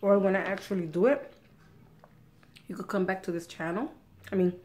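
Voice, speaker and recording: A woman's voice: mid-range voice, normal speed, darkish tone, slight background noise. A middle-aged woman hosting an eating show, chatting casually while she eats at home. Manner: chatty, eats and talks with mouth full.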